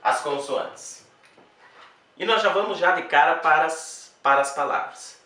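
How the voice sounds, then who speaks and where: A man teaching a Portuguese grammar lesson for exam prep, speaking slowly and deliberately, repeating words and checking in with the class. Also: fairly high pitch, pushed and bright. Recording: very echoey room, voice from a distance.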